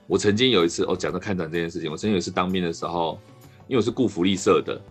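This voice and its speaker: A man with a Taiwanese Mandarin accent hosting a podcast, telling a rambling, animated story in casual chat. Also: low-pitched, racing, breathy edge, faint music behind. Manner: rambling, animated anecdote with restarts. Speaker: podcast host.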